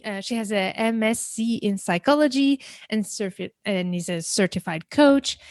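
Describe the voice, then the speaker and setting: A woman's voice: fairly high pitch, no echo. A woman hosting a business podcast interview, upbeat and speaking straight to her listeners. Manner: upbeat, addresses listeners directly. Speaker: podcast host.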